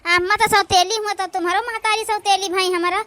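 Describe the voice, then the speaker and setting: A woman voicing a young village sister and sister-in-law in an Awadhi cartoon, speaking with an Awadhi accent in a soft, complaining village way. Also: very high-pitched, fairly even intonation, a little fast, no echo. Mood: curious. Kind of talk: cartoon voice acting.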